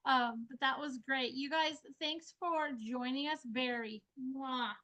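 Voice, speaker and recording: A woman's voice: sits high, slow, pushed and bright. A woman hosting a webinar in a casual, chatty way, effusive and informal with the people she addresses. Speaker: webinar host.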